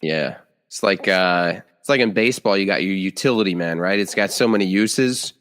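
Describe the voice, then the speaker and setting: A man's voice: low voice, moderate pace, a bit bright, long reverb tail. A man hosting an interview podcast, casual and chummy, often restarting his sentences and calling his guest "man". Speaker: podcast host.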